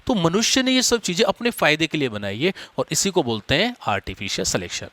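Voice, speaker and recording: Lively male teacher explaining biology. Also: on the high side, fairly quick. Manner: explains step by step, addresses students as "children". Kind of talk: classroom biology lecture.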